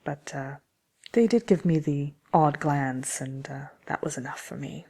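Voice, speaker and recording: A wicked witch, played by a woman, murmurs through a soft ASMR fairy-tale chat show. Her voice is very low, breathy and husky, with a gravelly creak that often sinks toward a whisper. She is smug, envious and slyly haughty, lingering over hesitant pauses. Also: heavily acted. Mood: dryly menacing. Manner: sly, haughty, hesitant with many drawn-out pauses. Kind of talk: ASMR roleplay, soft-spoken chatty answers to listener questions.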